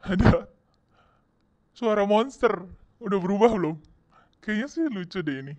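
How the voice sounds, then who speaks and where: A woman reviewing a headset speaks through its voice-changer preset, which turns her voice into a deeper monster or male voice. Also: expressive, unhurried, a little mellow. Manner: casual, amused, commenting on her own changed voice. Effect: voice changer preset making her voice deeper, like a monster or a man. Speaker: product reviewer. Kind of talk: casual product review, testing a headset mic.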